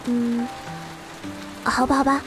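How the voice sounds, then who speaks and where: A woman's voice: fairly high pitch, little pitch movement, slow. A woman voicing a protective older sister girl who soothes her sibling, stammers when unsure and often turns tearful, over background music. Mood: storytelling softly. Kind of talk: amateur audio drama.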